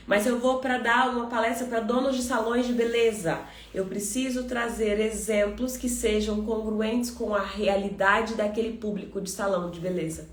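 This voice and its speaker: A Brazilian woman coaching on communication, talking fast and directly to the listener as a friend. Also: a little high, echoey room. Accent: Brazilian Portuguese. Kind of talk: motivational podcast talk.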